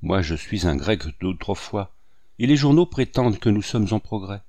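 A man's voice: on the low side, expressive, moderate pace, dark tone, no room sound. A man reading the lines of a proud old Greek brigand chief in an audiobook, with dry, mocking pride. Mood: wry.

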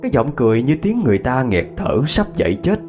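A man's voice: medium pitch, very animated, fast. A man narrating a scripted ghost story with dramatic expression. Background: faint music.

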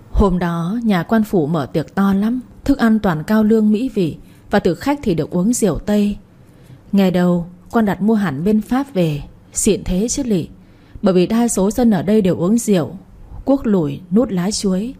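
A woman reads a romance novel aloud in an even, scripted storytelling style. Her voice is dark and mellow with a husky edge. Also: mid-range voice. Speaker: audiobook narrator.

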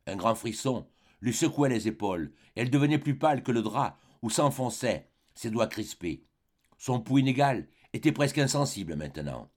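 A man's voice: on the low side, darkish tone. Man reading a classic novel aloud. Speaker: audiobook reader. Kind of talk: literary audiobook narration.

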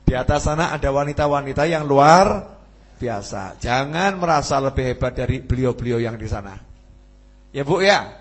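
A man preaching a sermon as a lively, joking storyteller. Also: mid-range voice, normal speed.

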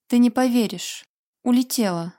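Audiobook: woman doing scared, teary young woman, trembling and pleading, raised pitch. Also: steady tone, unhurried, mellow, lightly acted. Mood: exasperated. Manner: trembling and pleading, flaring into angry outbursts. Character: frightened, tearful young woman nursing a dying man. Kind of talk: audiobook character reading.

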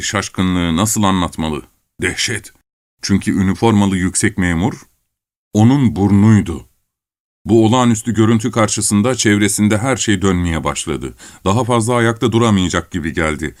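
A man with a low voice reads a story aloud at a measured pace, pausing deliberately between phrases. The recording is dry and close, with no room sound. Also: dry recording. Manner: measured, unhurried reading with deliberate pauses. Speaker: audiobook narrator. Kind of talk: storytelling narration.

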